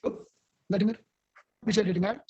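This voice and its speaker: A man's voice: high voice, steady tone, moderate pace, a little mellow, husky, highs cut off. A man teaching as an Islamic scholar on a call-in religious Q&A, his voice breaking up over a choppy connection. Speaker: Islamic teacher answering callers' questions.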